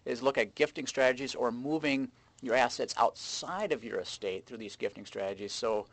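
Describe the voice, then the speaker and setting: A man from Minnesota, a guest financial advisor on a radio show, speaking in a measured way with some fillers. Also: mid-range voice, fairly bright tone, dry recording. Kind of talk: radio interview.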